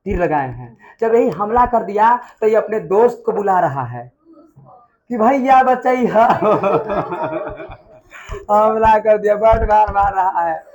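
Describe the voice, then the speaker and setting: A man's voice: high voice, slow. A man teaching history to a class, who keeps asking his students questions and having them answer back. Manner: lively, quizzes the class with call-and-response questions.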